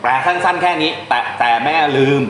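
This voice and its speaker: A man's voice: on the high side, fairly bright tone, a little hiss or hum. Chatty male teacher in echoey room. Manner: chatty, explains step by step, reads English lines slowly. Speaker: translation teacher. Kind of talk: informal classroom lesson.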